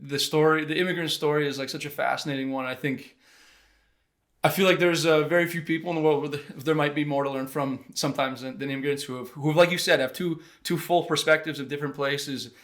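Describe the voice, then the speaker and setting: A man's voice: a little high, fairly even intonation, fast, fairly bright tone. A man co-hosting a podcast, asking questions with eager, emphatic enthusiasm. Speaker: podcast co-host. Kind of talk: casual interview chat.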